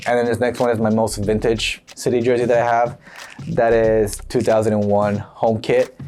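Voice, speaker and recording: A man showing off his football jersey collection in a casual, upbeat, chatty way, his voice a bit rough from being sick. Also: on the low side, flat delivery, moderate pace, darkish tone, slight background noise. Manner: chatty, upbeat, filler-heavy. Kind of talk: casual show-and-tell.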